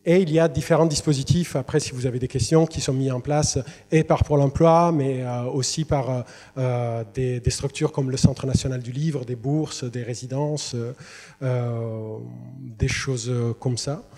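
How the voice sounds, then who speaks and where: The unhurried voice here is mid-range, steady and dark-toned, belonging to a male literary translator who grew up speaking Italian. He gives a hesitant presentation to students, heavy with fillers and restarts, in a university lecture hall recorded with long large-hall reverb.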